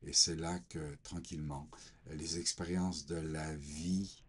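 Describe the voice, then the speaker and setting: A man from Portugal giving a hesitant personal faith testimony with scripture reading, pausing often with fillers. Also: very deep voice, steady tone, slightly rough. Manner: slow, hesitant, many fillers.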